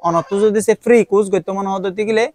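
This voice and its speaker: High-voiced man with a Rohingya accent. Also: steady tone, rapid-fire, darkish tone, no echo. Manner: explains step by step with frequent hesitations. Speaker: book reviewer. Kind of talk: casual spoken product review.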